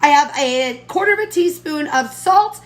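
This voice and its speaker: A woman's voice: high-pitched, expressive, normal speed. A woman with a nasal, stuffy voice from allergies, chatting upbeat as she walks through a baking recipe in her home kitchen. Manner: chatty and upbeat, talks through each step. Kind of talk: casual cooking tutorial chat.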